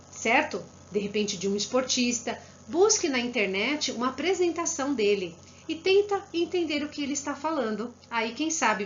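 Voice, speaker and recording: A woman's voice: fairly high pitch, fairly bright tone. Brazilian woman teaching an online class, muffled. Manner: encouraging, asks many rhetorical questions, frequent "perfeito?". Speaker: Spanish teacher. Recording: muffled lo-fi audio with background hiss.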